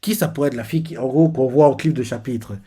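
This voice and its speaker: A man's voice: medium pitch, quick pace, warm tone, husky. A man hosting a live reaction video, retelling a comic chapter loosely and wondering aloud between scenes. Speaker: manga reaction video host.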